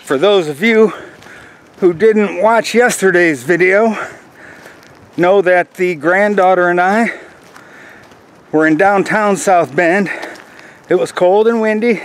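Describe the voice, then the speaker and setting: A middle-aged American man chatting casually to viewers in an unhurried way while walking outdoors, recorded on a built-in microphone with wind noise. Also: sits high. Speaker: hiking vlogger. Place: outdoors in a windy wooded park. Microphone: camera's built-in microphone while walking. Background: wind, faint outdoor noise.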